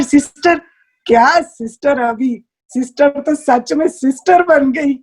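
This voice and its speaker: A woman's voice: high-pitched, darkish tone. A woman giving an earnest, heartfelt personal spiritual testimony over a video call, slipping in English phrases. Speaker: guest sharing a spiritual experience.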